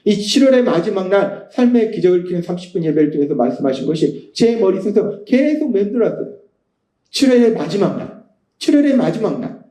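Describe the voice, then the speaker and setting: A man with a high yet mellow voice, preaching a sermon. He drives his points home by repeating phrases and posing rhetorical questions. His voice rings through an echoey church sanctuary. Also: sing-song, a little fast. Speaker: pastor.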